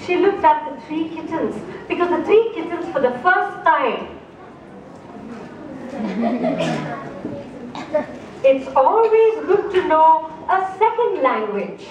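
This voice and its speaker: A woman storyteller from India, high-voiced and unhurried, performs live for an audience on a festival opening ceremony stage, slow and expressive and asking listeners questions. She's heard from a distant mic in an echoey hall with background noise.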